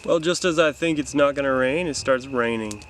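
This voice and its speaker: A man's voice: medium pitch, normal speed, slight background noise. Man chatting casually at a forest camp. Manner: relaxed, chatty, thinks aloud. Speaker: outdoor vlogger. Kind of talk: casual solo vlog talk to camera. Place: outdoors in a forest campsite. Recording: faint outdoor ambience behind.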